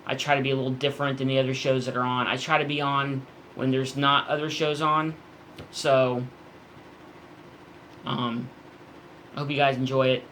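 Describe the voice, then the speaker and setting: Male live-stream host, mid-pitched, casual and rambling, keeping quiet late at night at home, some noise behind. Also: flat delivery, normal speed, long pauses, low-quality recording. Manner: informal, rambling. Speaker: live stream host of a comic collecting show.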